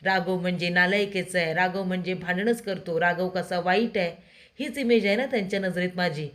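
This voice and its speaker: A woman's voice: on the low side, brisk, a bit bright, lightly acted. A woman narrator voicing a hurt, defiant young man who complains that he is never understood. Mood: aggrieved. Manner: pleading, aggrieved.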